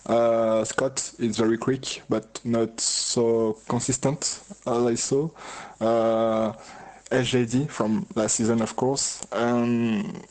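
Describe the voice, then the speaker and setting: A man gives a casual post-race interview. He searches for his words haltingly, with little pitch movement at an average male pitch. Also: little pitch movement, darkish tone, low-quality recording. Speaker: racing driver being interviewed.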